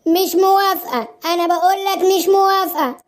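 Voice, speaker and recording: A woman's voice: extremely high pitch, steady tone, fairly quick. A woman voicing an overbearing middle-aged mother in a cartoon, nagging and melodramatic with an Egyptian Arabic accent. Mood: scolding.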